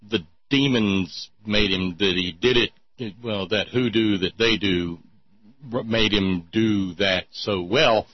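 A man hosts an irreverent call-in talk show, reading listener notes aloud and mocking them in a sardonic manner. His slightly husky voice sits at an ordinary pitch, captured on a close, dry mic with a slightly dull, muffled tone.

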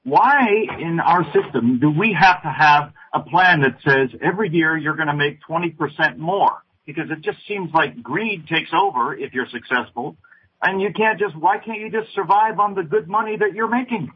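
A man in his early sixties calling in to a radio show on a speakerphone over an internet line, halting and searching for his words as he talks. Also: on the high side, a little hiss or hum. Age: 60s. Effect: speakerphone call over an internet line. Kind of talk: call-in conversation. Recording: muffled lo-fi speakerphone call.

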